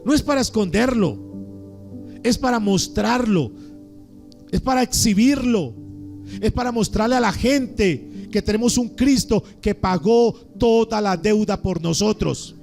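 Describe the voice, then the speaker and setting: A man's voice: high-pitched, measured pace, vocal fry, a little mellow. A man preaching a sermon as pastor, putting questions to his congregation. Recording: faint music underneath.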